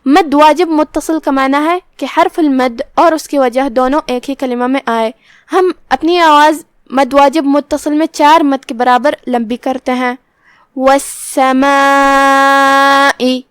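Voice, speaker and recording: A woman with a high-pitched voice leads a tajweed lesson, explaining pronunciation rules one word at a time. She recites the verses slowly, drawing out each sound. The recording is dry and close. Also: no room sound. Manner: slow, drawn-out recitation between steady explanations. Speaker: Quran recitation teacher.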